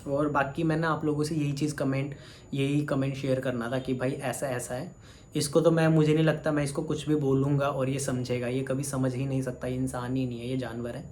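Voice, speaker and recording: A man's voice: mid-range voice, flat delivery, fairly quick, a little mellow, slight background noise. A man speaks in a mid-range voice, lecturing a commenter head-on. His heated rant runs on in short, pointed phrases. It is a vlog talk aimed straight at the camera. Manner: scolding, addresses a commenter directly. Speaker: vlogger.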